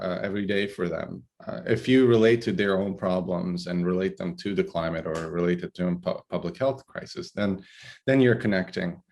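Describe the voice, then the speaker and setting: Deep-voiced Italian-accented man, halting. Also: a little mellow. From Italy. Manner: halting, many fillers and restarts. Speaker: guest, climate researcher. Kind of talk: podcast interview.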